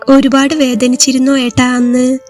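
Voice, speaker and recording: A woman reading the lines of an anxious, caring young wife in a story, asking gentle, worried questions. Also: high-pitched, monotone, moderate pace, close to an everyday voice. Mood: concerned.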